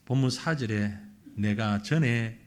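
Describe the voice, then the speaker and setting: A man's voice: lowish voice, measured pace. A middle-aged male pastor preaching a sermon in a conversational way, asking his listeners questions and acting out the quotes.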